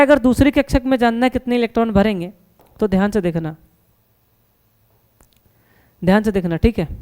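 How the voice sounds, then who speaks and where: Smooth-voiced man teaching with quiz-and-answer patter. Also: very high-pitched, darkish tone. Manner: asks questions and answers them himself, calls listeners "beta" and "sir"; reassuring, repeats "no problem". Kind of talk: classroom science lesson at a board.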